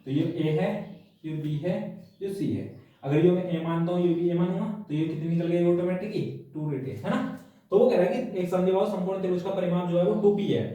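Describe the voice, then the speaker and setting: A high-pitched male maths teacher with a mellow, dark tone. He talks each step through aloud, firing rhetorical questions at his students. The sound is very echoey, as if the mic sat some way off in a bare room. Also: brisk, distant mic. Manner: habitual "है ना" and "ठीक है भैया" tags. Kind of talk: worked-problem maths lesson.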